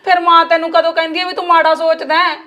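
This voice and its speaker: A woman's voice: very high voice, level tone, fast, sharp tone. An actress playing a concerned village woman who questions a crying man, with a Malwai Punjabi accent. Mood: probing. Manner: probing, repeated questions. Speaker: female relative. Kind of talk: web series acting.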